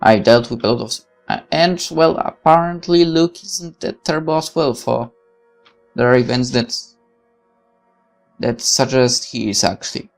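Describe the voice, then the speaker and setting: An extremely low, creaky voice reads a visual novel aloud at a moderate pace, with soft music playing underneath. The let's player breaks in often with frank, opinionated asides, exclaiming and swearing freely.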